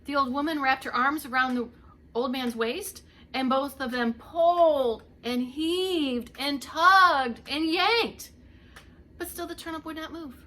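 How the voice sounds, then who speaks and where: Like a preschool teacher, a woman reads a story aloud to young children, theatrically stretching out the action words and addressing her listeners directly. Her high-pitched voice is bright and forceful yet unhurried, with slight background noise.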